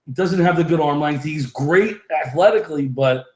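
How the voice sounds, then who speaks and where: A man's voice: a little high, normal speed. A man in a casual basketball debate, questioning and arguing points like a fan on a panel. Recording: roomy echoing room sound.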